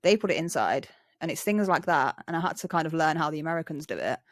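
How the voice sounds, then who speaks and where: A young English woman with a rough, chav-style slangy accent, chatting casually and candidly. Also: deep voice, lively intonation, fast talker, no echo, clean studio sound. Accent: English, chav-style street slang. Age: young adult. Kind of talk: casual chat.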